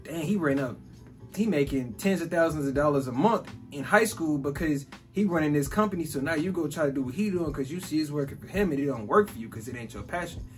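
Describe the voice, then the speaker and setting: An animated, slightly high-voiced man talks fast over faint music while hosting a casual podcast about money and business. He's a Chicagoan in his twenties, relaxed and forever saying "like" and "bro."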